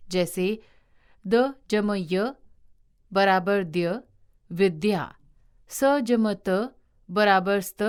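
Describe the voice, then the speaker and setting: Slow, deliberate woman teaching grammar. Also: medium pitch, darkish tone. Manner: slow, deliberate recitation of letters and examples. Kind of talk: slow scripted grammar lesson.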